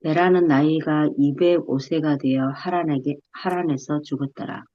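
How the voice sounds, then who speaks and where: Low-voiced woman reading scripture. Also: fairly even intonation, normal speed, lo-fi sound. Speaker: scripture reader.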